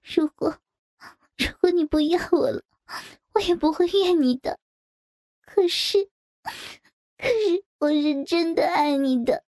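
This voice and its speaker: A woman's voice: very high voice, extremely slow, long pauses, dark tone, voice pushed up, exaggerated voice. A woman voicing a timid young wife in a story, stammering and tearful. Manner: trembling, stammering pleas. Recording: faint background music.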